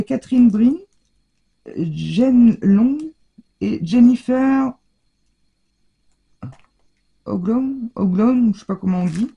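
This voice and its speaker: A French-accented woman talks through a haul at home in a casual vlog, pausing often with fillers and restarting her sentences. Her voice is husky and gravelly, with a dark, mellow tone. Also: medium pitch. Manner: hesitant, many fillers and restarts. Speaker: scrapbooking vlogger.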